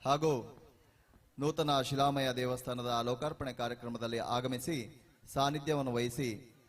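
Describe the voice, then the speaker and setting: A man's voice: medium pitch, long reverb tail. A man making formal, ceremonious announcements at a temple event.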